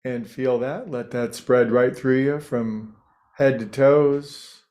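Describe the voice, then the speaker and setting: With a medium-pitched voice, a man teaches a guided meditation, his delivery gentle and soothing and broken by frequent pauses.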